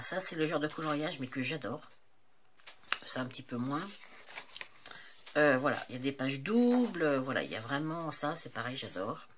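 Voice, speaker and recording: A woman's voice: fairly low pitch, fairly bright tone, slight background noise. Chatty woman vlogger with many fillers. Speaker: craft vlogger. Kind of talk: casual show-and-tell chat.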